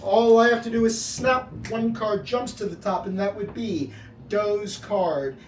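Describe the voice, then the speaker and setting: A man's voice: high voice, measured pace. A man performing as a birthday party magician, with joking, teasing patter aimed at his volunteers. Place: indoor party room with guests. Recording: echoey room, distant mic, noisy audience. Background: guests laughing and reacting.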